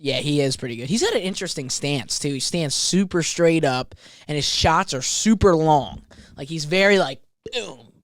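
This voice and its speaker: A man's voice: a little high, moderate pace, no room sound, studio quality. A man co-hosting a podcast, chatting casually about fights in a rambling way, full of fillers and restarts. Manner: animated, rambling, lots of fillers. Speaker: podcast co-host.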